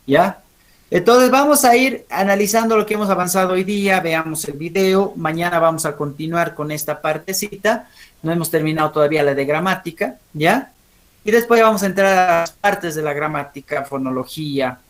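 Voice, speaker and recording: Profesor de acento boliviano con voz alta y clara. Explica la materia con paciencia y lanza preguntas a sus alumnos. Remata muchas frases con una pregunta breve para ver si lo entienden. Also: male voice, fairly high pitch. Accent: Bolivian Spanish. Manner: keeps checking understanding with quick tag questions; asks students questions and calls on them. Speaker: teacher. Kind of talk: classroom lesson.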